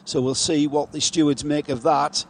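A man's voice: on the high side, fairly even intonation, normal speed, background noise. A man commentating live on a motor race, calling the moves as a motorsport commentator.

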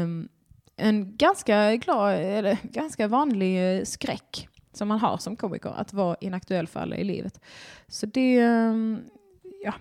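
A woman's voice: medium pitch, darkish tone. A young woman comedian hosting a live-streamed podcast, chatting casually and rambling as she reads the chat aloud.

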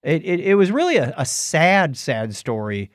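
Recounting a documentary on a podcast he co-hosts, a man tells the story casually, adding asides as he chats. He has a fairly high, sing-song voice at a moderate pace, captured in studio quality with no room sound.

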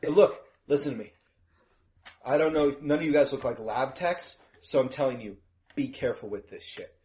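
A man voicing a jumpy, foul-mouthed male security courier in a tabletop game, high-strung and swearing, with light noise behind him. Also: normal speed, a little mellow, natural voice. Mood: gruff warning. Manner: panicky and high-strung, cursing.

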